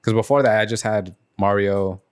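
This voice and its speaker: A man's voice: lowish voice, steady tone, normal speed, clear, resonant tone. A man hosting a podcast in casual, slangy, rambling banter with swearing. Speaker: podcast host.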